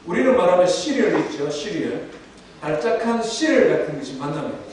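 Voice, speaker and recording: Male pastor, lively preaching style; recorded far off in a very echoey sanctuary with faint hiss. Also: on the high side, fast talker. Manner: animated preaching, acting out quoted voices of the people. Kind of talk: sermon. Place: church sanctuary. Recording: very echoey church hall, distant mic, faint hiss.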